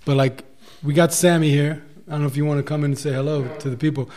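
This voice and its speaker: A man's voice: fairly high pitch, fairly even intonation, fast, a little mellow. A man hosting a podcast, chatting casually over beer and rambling with restarts. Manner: rambling, restarts sentences, enthusiastic. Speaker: podcast host. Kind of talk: casual chat. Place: indoor room, drinking beer with a guest.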